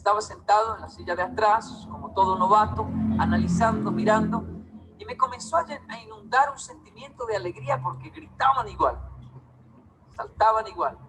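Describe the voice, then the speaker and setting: Lively man telling stories on stage. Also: high-pitched, brisk, a little hiss or hum, rough recording. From Colombia. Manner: animated, acts out quoted dialogue in different voices. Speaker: public speaker. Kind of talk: storytelling talk to a live audience.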